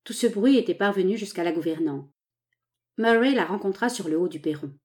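A woman reads a romantic novel aloud with measured, dramatic pacing. Her tone is mellow and warm, and her pitch sits in an ordinary middle range. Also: animated. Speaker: audiobook narrator. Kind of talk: scripted novel narration.

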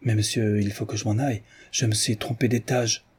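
A man's voice: fairly low pitch, steady tone, fairly quick, a little mellow, breathy edge. A man voicing a flustered, anxious young woman in an audiobook, insisting nervously.

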